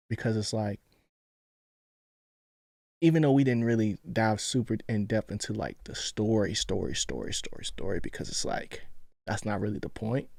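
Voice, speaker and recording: A man's voice: fairly low pitch, gravelly, darkish tone, dry recording, clean studio sound. A man co-hosting a podcast, chatting about a movie in a laid-back, slangy way. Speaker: podcast co-host. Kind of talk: casual movie review chat.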